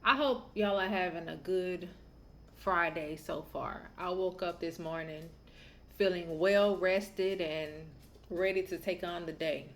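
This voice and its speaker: A woman's voice: lowish voice, unhurried, a bit bright, a little hiss or hum. A woman raised in the Southern United States, hosting a podcast and telling a family story in a candid, opinionated, chatty way. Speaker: podcast host. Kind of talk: casual podcast monologue.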